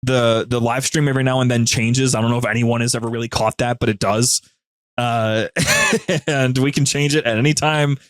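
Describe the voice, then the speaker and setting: A man with a mid-range, steady-toned voice talks at a moderate pace in a dry recording. He's a co-host of a media group's show appearing as a podcast guest, casually explaining things as an enthusiastic storyteller.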